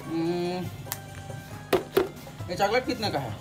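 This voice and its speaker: An actor in a village comedy skit playing an exasperated man who bickers with a muddled shopkeeper, laughing often, with loud music behind. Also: high voice, expressive, slow pace. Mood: bickering. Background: loud background music.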